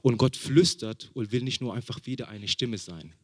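A man preaching a sermon in German, a father, who builds emphasis with repeated phrases and questions to the congregation and drops to a hushed tone for intimate points. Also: mid-range voice, normal speed, dry recording, studio quality. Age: young adult or middle-aged, father of a small son. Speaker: pastor.

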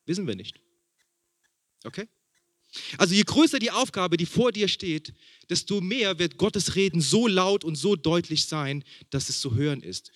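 A man preaching to his congregation, his voice somewhat higher than most men's. He stacks repeated phrases to build emphasis, then sinks to a soft, hushed delivery when he gets personal. The sound is close and dry, with no room around it. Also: no room sound. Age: young adult or middle-aged, father of a small son. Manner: preaching with rising emphatic repetition and questions to the congregation; drops to a soft hushed tone for intimate points. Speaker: pastor. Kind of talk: sermon.

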